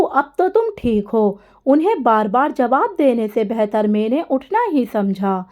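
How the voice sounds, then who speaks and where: Slow, wry woman storyteller. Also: fairly high pitch, darkish tone. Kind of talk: first-person story narration.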